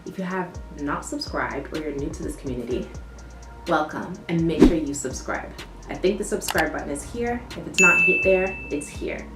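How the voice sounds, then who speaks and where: A woman's voice: low-pitched, lively intonation, moderate pace. A young woman vlogging in casual chat, loose and chatty, often restarting with "like" and "um". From United States. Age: young adult. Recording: roomy echo, distant mic, background music.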